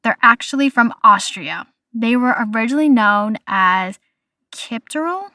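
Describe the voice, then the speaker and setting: A woman's voice: a little high, normal speed, bright, forceful tone, no echo, studio quality. A young woman from the United States hosting a casual solo podcast, chatty and stumbling over foreign words. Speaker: podcast host. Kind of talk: casual solo podcast, listing food facts.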